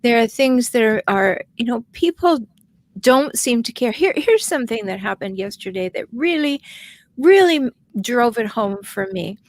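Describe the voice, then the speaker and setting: Chatty woman, high dry voice. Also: moderate pace, dry recording. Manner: animated storytelling with restarts. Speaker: guest relationship expert. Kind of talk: casual podcast chat.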